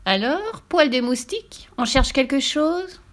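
A woman voicing a vain, furious old witch in a children's storybook reading, with theatrical, shrill, drawn-out gloating. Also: animated. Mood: menacing.

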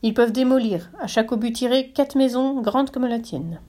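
A woman reading a storybook voices a gruff male factory boss who shouts over the din of machines. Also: fairly high pitch, normal speed, voice pushed up, natural voice. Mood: shouting.

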